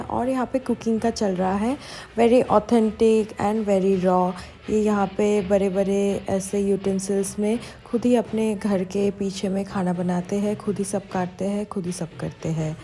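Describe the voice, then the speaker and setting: A woman's voice: mid-range voice, dark tone, slight background noise. A woman from India narrating a vlog in a casual, chatty way, switching between Hindi and English. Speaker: vlogger.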